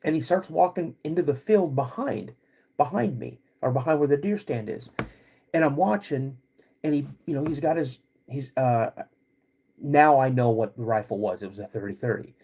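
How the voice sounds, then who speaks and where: A man hosting a podcast, recounting a personal story in a halting, repetitive, suspenseful way. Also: mid-range voice, warm tone, breathy edge. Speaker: podcast host.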